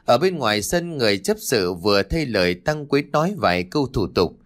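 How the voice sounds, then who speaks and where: A man's voice: mid-range voice, very animated, brisk. A man reading a sad story aloud as an audiobook narrator, in a somber, dramatic storytelling manner.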